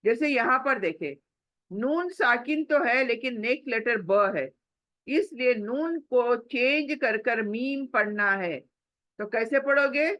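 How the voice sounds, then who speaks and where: A woman's voice: a little high, animated, slow, fairly bright tone, no echo. A woman tajweed teacher who patiently repeats examples, hums the letters and asks questions she then answers herself. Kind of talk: recorded Quran recitation lesson.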